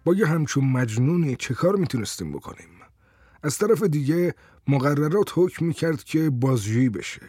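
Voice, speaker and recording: A man narrating a first-person story in a calm, measured, dry manner. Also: on the high side, breathy edge, dry recording, faint music behind.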